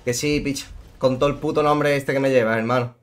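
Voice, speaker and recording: A man's voice: medium pitch, steady tone, brisk. A young man streaming a game, swearing and ranting at opponents between sarcastic mutters. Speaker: gaming streamer. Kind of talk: live gameplay commentary.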